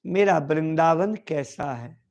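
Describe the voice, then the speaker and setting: A man's voice: on the high side, slow pace, vocal fry, a little mellow. A man as Krishna, weeping with longing. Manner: wistful, sobbing, yearning.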